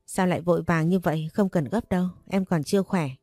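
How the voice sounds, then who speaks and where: A woman voicing a gentle young man who speaks to his fiancée and mother in a caring, reassuring way. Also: lowish voice, steady tone, brisk, no echo, soft background music, lightly acted.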